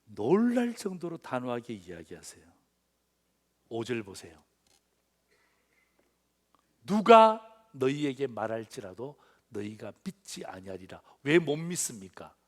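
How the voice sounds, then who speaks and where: A man's voice: mid-range voice, big pitch swings, a little slow, pauses often. A middle-aged male pastor preaching a sermon, often asking the congregation questions and acting out short dialogues. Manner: acts out dialogues in different voices.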